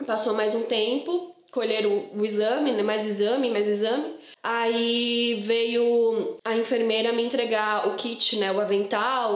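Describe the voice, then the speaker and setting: A woman with a Brazilian Portuguese accent telling her personal testimony to viewers in an earnest, emotional, casual way, often repeating words. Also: fairly high pitch. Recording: echoey room.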